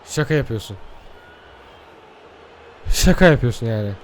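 A young man giving excitable, frustrated commentary over his own gameplay, talking to the players on screen. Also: mid-range voice, normal speed, slight background noise. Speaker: gaming youtuber.

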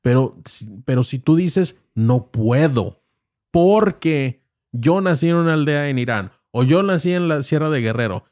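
Heated and argumentative, this thirtysomething podcast co-host with a Mexican Spanish accent pushes his point in a casual debate heavy on slang. He speaks at a measured pace with an animated, fairly high, darkish voice. The studio-quality recording is dry, made in a small foam-paneled room on a boom-arm mic with headphones.

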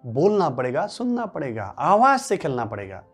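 A man's voice: on the high side, normal speed, slightly rough, faint music behind. A man whose first language is Marathi, giving a workshop lecture full of rhetorical questions and repetition. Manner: rhetorical questions and repetition, animated rising and falling delivery. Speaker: language teacher.

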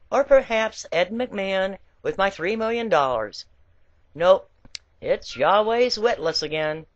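A woman with a fairly low voice reads a satirical essay aloud, performing it with a playful, theatrical storytelling flair. The audio is dry, dull and lo-fi, like a home recording.

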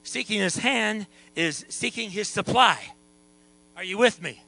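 A man preaching a revival sermon as pastor in a church, going from quiet talk to shouting. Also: sits high, unhurried, rough recording. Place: church sanctuary.

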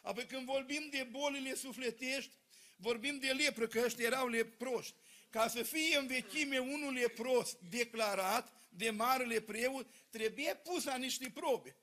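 A man preaching a sermon in church, telling folksy stories to his congregation with lively energy. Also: extremely high pitch. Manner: folksy, animated storytelling to a congregation.

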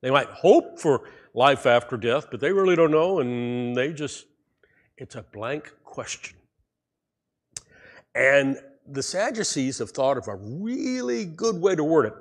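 A man preaching a sermon, telling a story in a lively way and speaking directly to his congregation. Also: medium pitch, a little slow. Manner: animated storytelling, addresses the congregation. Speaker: pastor.

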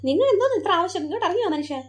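A woman voicing an anxious, fussing mother in a cartoon, shrill and scolding. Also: expressive, rapid-fire. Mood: frantic. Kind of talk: cartoon voice acting.

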